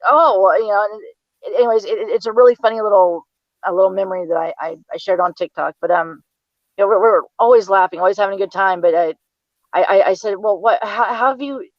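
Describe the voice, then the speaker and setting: A woman's voice: medium pitch, dry recording, dull audio. A woman, recounting memories as an interview guest, often stumbling and repeating her words. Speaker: interview guest, mother of the subject. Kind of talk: personal recollection in an interview.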